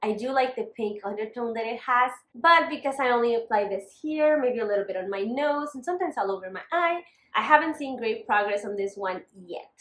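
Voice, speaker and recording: A young beauty vlogger with a northern Mexican accent gives a casual makeup update to camera, chatting candidly and dropping apologetic asides. Her fairly high, fairly bright voice is animated and a little fast, in an echoey room.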